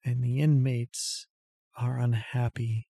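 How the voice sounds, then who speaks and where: Figure: a man voicing a dreamy, distant female android. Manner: slow, faraway. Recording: dry. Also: mid-range voice, level tone, dark tone, slightly rough, no echo. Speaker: game master. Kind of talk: tabletop game narration.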